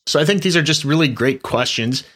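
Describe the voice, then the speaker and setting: A man co-hosting a tech podcast, relaxed and thoughtful, talking ideas through in casual chat. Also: fairly high pitch, brisk. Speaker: podcast co-host.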